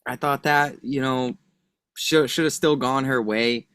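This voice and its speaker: A man talking as a betting analyst on a podcast, defending his picks with a string of "I think" asides. His voice has an ordinary middle pitch. It comes across close and dry, with no room sound. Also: steady tone, measured pace, fairly bright tone, clear, resonant tone, dry recording. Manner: hedging, argues his picks with lots of "I think". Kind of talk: casual chat.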